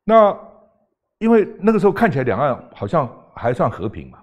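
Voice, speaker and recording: A man's voice: a little high, sing-song, fairly quick. An older man, a talk show guest arguing emphatically and firing off rhetorical questions. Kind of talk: political talk show debate.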